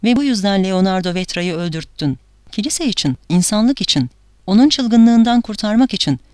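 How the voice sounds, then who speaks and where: A woman's voice: medium pitch, animated, normal speed, a little mellow, no echo, clean studio sound, natural voice. A woman voicing a stern older male director who speaks in a hard, accusing way.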